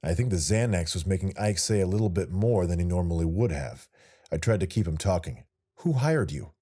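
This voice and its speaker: A man's voice: deep voice, a little fast, warm tone, slightly rough. A man, the author, narrating his own audiobook in a wry first-person storytelling manner.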